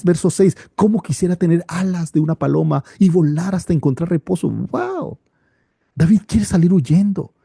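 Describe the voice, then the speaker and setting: A man teaching a Bible study class, reading passages aloud and pausing often for rhetorical questions and drawn-out exclamations. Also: a little high, warm tone, breathy edge, no echo, clean studio sound.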